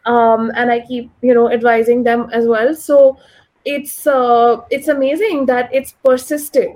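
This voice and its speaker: Higher-voiced woman, posh Indian accent. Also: little pitch movement, a little slow, darkish tone. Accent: educated urban Delhi Indian English, posh. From Delhi, India. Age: around 30. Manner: articulate, opinionated, frequent 'like' and 'you know'. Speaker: interview guest, economist. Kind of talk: conversational interview answers.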